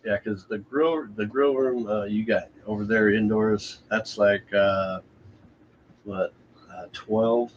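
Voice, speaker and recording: A man's voice: on the low side, steady tone, slow pace. A man co-hosting a live stream, chatting casually about gardening gear. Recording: muffled, noisy live-stream audio.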